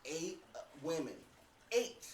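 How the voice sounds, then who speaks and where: A man's voice: a little high, slow pace. A man co-hosting a podcast, telling stories in casual chat, laughing often and acting out what people said. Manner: animated storyteller, laughs often, acts out quotes. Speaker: podcast co-host. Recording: echoey room with background noise.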